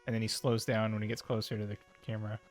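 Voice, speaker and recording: A man's voice: fairly low pitch, level tone, fast, slight background noise. A young man streaming a game, chatting casually with crude jokes. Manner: crude, joking, loose.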